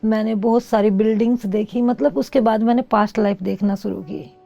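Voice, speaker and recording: A middle-aged woman with a gravelly, dark-toned voice speaks earnestly and reflectively about her personal experiences. The recording is slightly dull, and soft music plays faintly beneath her. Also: mid-range voice, steady tone, fairly quick. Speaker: interview guest. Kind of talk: personal testimony.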